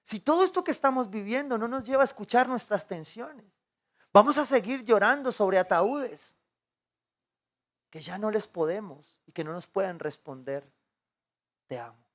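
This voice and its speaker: A man's voice: high voice, normal speed. A man with a Colombian accent preaching a sermon as pastor, telling stories and putting questions to the congregation. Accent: Colombian Spanish. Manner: animated storytelling, acting out dialogue, asking the congregation questions. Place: church.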